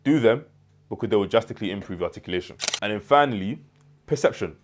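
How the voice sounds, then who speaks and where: A man's voice: on the low side, lively intonation, quick pace, a little hiss or hum. A young man giving earnest motivational advice straight to camera, repeating words and restarting as he goes. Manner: earnest and advising, with repetitions and restarts. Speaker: self-improvement creator.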